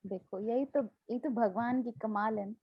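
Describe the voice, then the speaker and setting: A woman's voice: on the high side, unhurried, slightly rough, no room sound, highs cut off. A woman spiritual teacher giving a devotional class, explaining with homely examples and asking her listeners questions.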